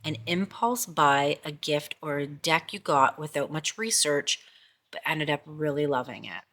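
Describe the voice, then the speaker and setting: A woman's voice: sits low, a little slow, a bit bright. A middle-aged woman chatting casually about tarot decks, gushing and often repeating herself. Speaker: tarot vlogger. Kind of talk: casual chat.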